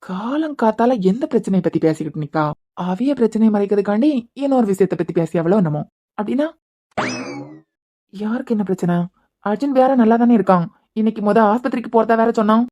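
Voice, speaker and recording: A woman's voice: mid-range voice, expressive, fairly quick, dark tone, lightly acted. Woman voicing a teasing young husband. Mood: pleading. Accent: Kanyakumari Tamil. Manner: pleading, playfully teasing. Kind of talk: cartoon web series voice acting.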